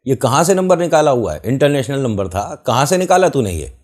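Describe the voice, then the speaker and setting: A man hosts his own channel, telling a story in a chatty, animated way. He acts out the lines of the people he quotes. His pitch sits in an ordinary middle range. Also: fairly quick. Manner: animated retelling, acting out quoted voices. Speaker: YouTube channel host. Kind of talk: casual storytelling monologue.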